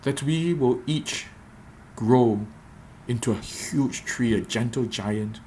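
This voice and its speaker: A man giving a reflective devotional podcast talk as a preacher, measured and repeating phrases for emphasis. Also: medium pitch, mellow, a little hiss or hum, low-quality recording.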